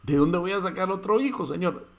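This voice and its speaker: A pastor voicing the old patriarch Abraham as anxious and pleading, his voice raised higher and flustered. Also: expressive, fairly quick, creaky. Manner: high-pitched, pleading, flustered.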